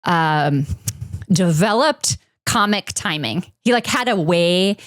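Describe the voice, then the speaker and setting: Podcast guest, woman, middle-aged, slightly low voice, reflective and halting, dry close mic. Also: animated, dry recording. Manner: reflective, halting, many fillers. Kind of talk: personal storytelling in an interview.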